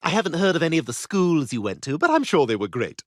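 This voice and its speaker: A man's voice: a little high, big pitch swings, fast, no echo, studio quality. An actor voicing a snobbish, catty British baby boy in a cartoon, talking in a posh, cutting, theatrical way. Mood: condescending. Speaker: patient. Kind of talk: cartoon voice acting.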